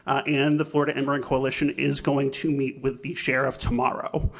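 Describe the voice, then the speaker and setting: A man giving measured, polite public comment at a county budget hearing. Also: mid-range voice, flat delivery, fairly bright tone. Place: county commission chamber.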